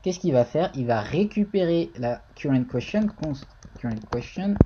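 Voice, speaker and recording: A man's voice: on the high side, lively intonation, moderate pace, muffled recording, background noise. A man streaming a casual live-coding tutorial, thinking aloud and talking to viewers in the chat.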